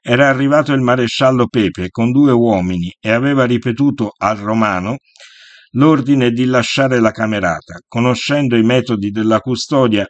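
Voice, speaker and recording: A man narrating a first-person memoir in a steady, measured storytelling voice. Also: mid-range voice, no room sound.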